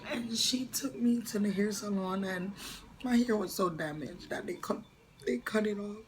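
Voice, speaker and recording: A young woman telling a personal story on her vlog, soft and halting, often slipping into a whisper, earnest and tearful. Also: mid-range voice, slight background noise, low-quality recording. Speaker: vlogger.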